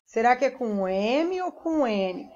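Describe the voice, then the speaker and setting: Speaking slowly in a slightly high, sing-song and somewhat mellow voice, a Brazilian teacher leads a remote lesson for primary schoolchildren. She carefully breaks words into individual sounds and syllables, her accent Brazilian Portuguese. The audio quality is dull and lo-fi.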